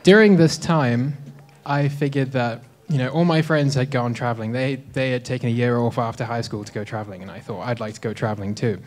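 A man in his twenties from South Africa tells a relaxed, self-deprecating story to an audience, often pausing on "um", speaking into a handheld microphone in a dim hall. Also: medium pitch. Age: 20s. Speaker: speaker at a live talk event. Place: dim lecture hall with a projector screen.

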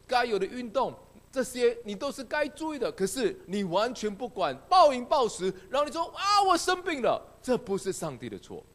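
God as a reproachful, reasoning figure, put on by a male preacher, high and swinging in pitch. He asks pointed questions and lays blame calmly. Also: normal speed. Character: God, patiently scolding people.

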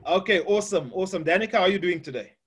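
A man's voice: high voice, lively intonation, racing, husky. A man hosting an interview over a video call from his home office, chatty and full of "uh, you know". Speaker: host. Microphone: webcam on video call.

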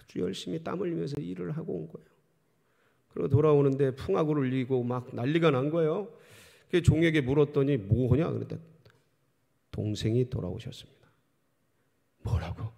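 A middle-aged male pastor preaching a sermon in a church, telling the story with animated delivery. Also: fairly high pitch, fast talker, vocal fry. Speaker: senior pastor. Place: church sanctuary. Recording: long church hall reverb.

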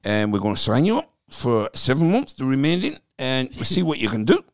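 A man voicing a genial middle-aged Welsh football manager in a loud, upbeat Welsh accent. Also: mid-range voice, wildly swooping pitch, no room sound, clean studio sound, voice pushed up. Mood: cheerful. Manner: loud, upbeat, drawn-out "aye".

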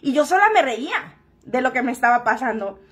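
A woman's voice: sits high, very animated, fairly quick. A woman telling a personal story to camera in a frank, joking, crude-spoken way. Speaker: vlogger.

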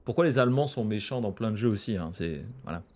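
Joking French gaming streamer. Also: male voice, lowish voice, expressive, fast, darkish tone. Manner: casual, joking, slangy, chatty asides. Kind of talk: let's play commentary.

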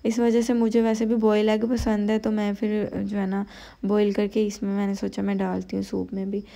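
A tired woman from Pakistan with a Pakistani Urdu accent, talking slowly and quietly through her cooking vlog voice-over at home late at night. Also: medium pitch, monotone, creaky. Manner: slow, quiet, unhurried talk, full of "you know" fillers. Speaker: vlogger.

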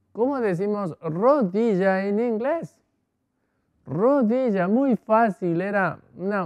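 Slow, patient male language teacher. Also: fairly high pitch, darkish tone, dry recording. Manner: slow, patient, repeats each word. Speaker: English teacher. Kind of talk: televised language lesson for Spanish speakers.

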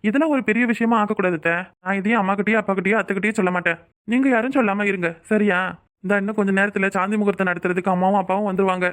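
A woman's voice: medium pitch, steady tone, racing, voice pushed down, lightly acted. A woman with a Kanyakumari Tamil accent voicing a caring, worried young man in a cartoon, pleading and reproachful.

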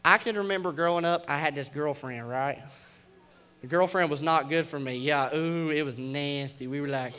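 A young man preaches to a kids' service in a loose, slangy way, tossing in goofy sound effects. His voice sits fairly high and comes across bright and forceful. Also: normal speed, clear, resonant tone. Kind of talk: youth sermon.

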